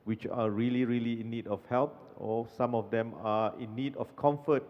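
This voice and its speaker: A man on a conference panel explaining his agency's work in a measured way. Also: mid-range voice, fairly even intonation. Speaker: panelist for a national health tourism agency. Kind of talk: panel discussion. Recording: muffled hall reverb.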